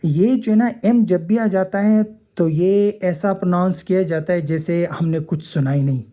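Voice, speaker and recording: A woman's voice: lowish voice, normal speed, mellow. A woman teaching a phonetics lesson, explaining step by step and answering her own questions.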